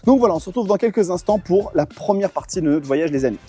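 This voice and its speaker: A man's voice: sits high, lively intonation, fast, mellow, breathy edge, faint music behind. A young man hosting a casual motorcycle travel vlog, chatty and full of fillers. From Portugal. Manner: chatty, lots of fillers and thanks to sponsors. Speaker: motorcycle vlogger.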